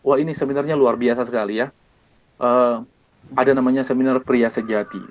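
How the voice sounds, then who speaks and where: A man from Indonesia, an evangelist, telling his personal testimony in an earnest way, with many pauses and repeated phrases. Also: medium pitch, fairly even intonation. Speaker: evangelist guest.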